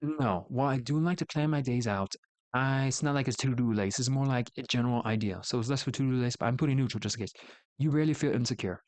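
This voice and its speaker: A man with a mid-pitched voice talks through his opinions as a casual streamer. He rambles, doubles back and corrects himself as he thinks aloud. The sound is close and dry. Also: quick pace, no echo. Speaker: VTuber streamer.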